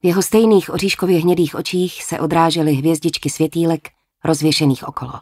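A woman's voice: low-pitched, fairly even intonation, darkish tone, dry recording, clean studio sound. A woman narrating a novel as an audiobook, with a wry, lightly ironic tone.

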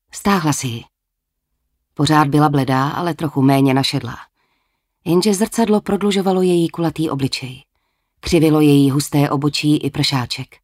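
Low-voiced woman narrating a novel. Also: darkish tone, no room sound, studio quality. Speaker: audiobook narrator.

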